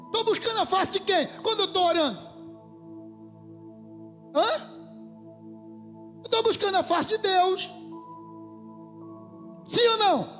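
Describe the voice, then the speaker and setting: A man with a Brazilian Portuguese accent preaching a sermon into a microphone in a church, fervent, rising to shouts and dropping to near whispers. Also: very high voice. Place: church hall. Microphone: handheld microphone.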